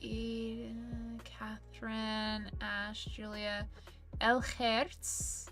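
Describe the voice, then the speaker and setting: Woman, streamer, casual livestream chat, giggly, unhurried, bright tone. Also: fairly high pitch, little pitch movement, faint music behind. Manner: chatty and giggly, reading viewer messages aloud.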